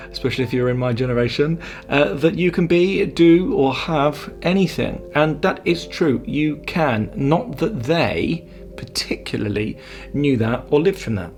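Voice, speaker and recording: A man who coaches people on spiritual growth, chatting straight to camera in a loose, rambling way. He keeps tacking on little tag questions and asides, and his pitch sits in an ordinary middle range. Soft music plays faintly behind him. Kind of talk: casual talk to camera.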